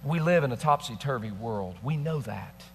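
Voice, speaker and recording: A man's voice: mid-range voice, animated, normal speed, creaky, slight background noise. Emphatic preaching man, long hall reverb. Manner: emphatic preaching, coaxing the congregation to repeat words. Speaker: pastor. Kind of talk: sermon with scripture reading. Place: church sanctuary.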